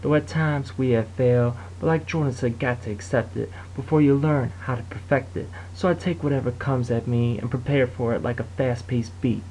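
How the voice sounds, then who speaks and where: Young man, freestyle rap, rhythmic rhyming flow, mid-pitched voice, faint hiss behind. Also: steady tone, moderate pace, hardly any pauses, warm tone, poor audio. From Detroit area, United States. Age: young adult. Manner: rhythmic rhyming delivery with a chanted hook. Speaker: amateur rapper.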